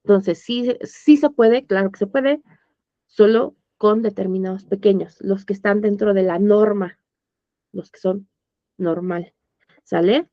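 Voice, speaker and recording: A woman's voice: mid-range voice, unhurried, no room sound. Mexican woman teaching, dull dry audio. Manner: conversational, checks understanding with tag questions. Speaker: course instructor. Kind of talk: informal online lesson.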